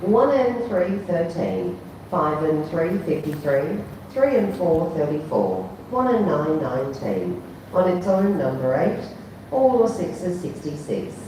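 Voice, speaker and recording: A woman's voice: lowish voice, very animated, takes it slowly, dark tone. A woman working as a bingo caller, announcing numbers in a formulaic chant, digit by digit and then as a whole. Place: large echoey bingo venue. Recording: echoey hall, distant mic, faint noise.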